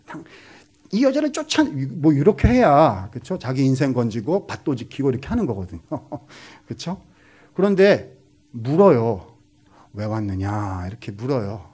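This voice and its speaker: Animated Korean man preaching a sermon. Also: on the high side, normal speed, husky. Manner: animated, acts out Bible figures, asks the congregation questions. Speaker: professor preaching as guest. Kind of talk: lively sermon.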